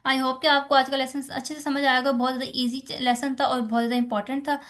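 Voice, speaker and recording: High-voiced Pakistani woman teaching. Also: little pitch movement, quick pace, a bit bright. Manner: explanatory, repeats rhetorical questions and "theek hai". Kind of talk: exam-focused lecture on phonetics.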